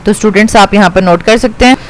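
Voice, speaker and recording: A woman's voice: mid-range voice, fast talker, low-quality recording. A woman chemistry teacher with a Pakistani accent, patiently explaining a reaction step by step and often checking in with her students. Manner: patient, repeats "ठीक है" to check understanding, mixes in English.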